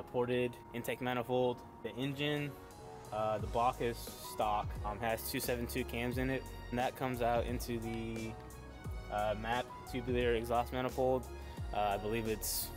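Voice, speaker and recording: A young man vlogging outdoors, talking casually through his car's parts with lots of fillers and the odd swear word. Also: mid-range voice. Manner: laid-back, many fillers, casual swearing. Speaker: car vlogger. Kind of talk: casual walkaround car review. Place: outdoors behind a shopping store.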